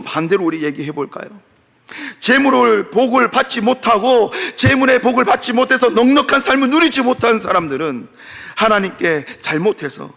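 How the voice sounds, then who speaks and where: A male pastor preaching a sermon in a church, telling biblical stories with animated delivery and acting out the speakers. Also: sits high, creaky. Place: church sanctuary. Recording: long church hall reverb.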